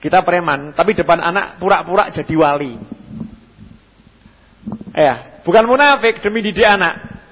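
A young Javanese man preaching at a mosque study session in a lively way, acting out the people he quotes. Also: moderate pace, long pauses, slight background noise. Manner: lively, acts out quoted speakers with sudden jumps in pitch and loudness. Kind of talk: religious lecture answering questions. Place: mosque hall. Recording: dull, echoey hall radio recording.

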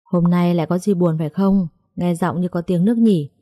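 A woman's voice: fairly low pitch, fairly even intonation, brisk, warm tone, no echo, studio quality, lightly acted. A woman voicing a blunt, exasperated young male surgeon in an audiobook story.

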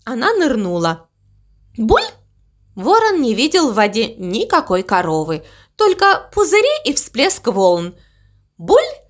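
A woman narrating a children's storybook in an expressive, animated way. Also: fairly high pitch, moderate pace. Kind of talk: storybook reading.

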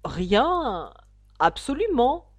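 A woman's voice: fairly high pitch, very animated, extremely slow, dry recording, clean studio sound, heavily acted. A woman voicing Alice, a polite, easily flustered young girl, in a storybook reading. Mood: musing.

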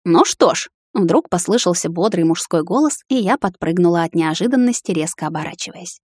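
Breathy low-voiced woman narrating. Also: lively intonation, a little fast, darkish tone, no room sound, studio quality. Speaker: audiobook narrator. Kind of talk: first-person fiction narration.

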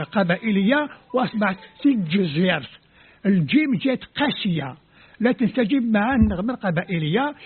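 High-voiced Algerian sheikh on a tinny line. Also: male voice, husky. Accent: Algerian Arabic. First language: Kabyle. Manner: explains step by step, sounding out letters and words. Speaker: Islamic scholar lecturing. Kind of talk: explanatory lecture. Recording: tinny phone-like lo-fi audio.

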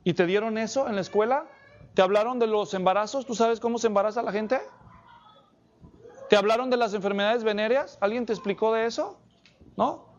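Male preacher, high-pitched, lively sermon delivery that fires questions at the listeners; slightly muffled recording. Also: brisk, pauses often. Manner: animated, asks the congregation many questions.

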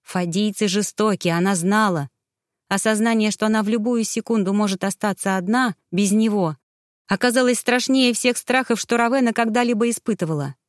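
A woman's voice: mid-range voice, a little fast, dry recording. Woman narrating an audiobook, dry close sound. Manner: expressive, dramatic storytelling.

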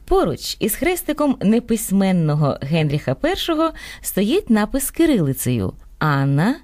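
A woman co-hosting a radio program, reading a script in a clear, measured way. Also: medium pitch, huge pitch swings, dark tone, no echo. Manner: clear, measured explanatory delivery. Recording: dry radio studio with faint music.

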